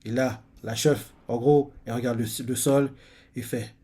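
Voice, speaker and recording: A man's voice: mid-range voice, steady tone, moderate pace, warm tone, slightly rough. A man, a reaction youtuber, narrating a manga chapter aloud in a casual way with many fillers.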